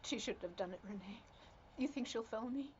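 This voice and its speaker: A woman's voice: on the high side, brisk, darkish tone, lightly acted. An actress playing a frantic mother whose daughter is missing, anxious and pleading. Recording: dull lo-fi dubbed film audio with faint hiss.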